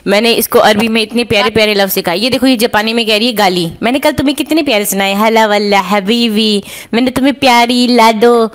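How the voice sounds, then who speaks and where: A woman's voice: on the high side, a little fast. A woman from Pakistan, arguing heatedly on a live stream, needling the other speaker and talking over her.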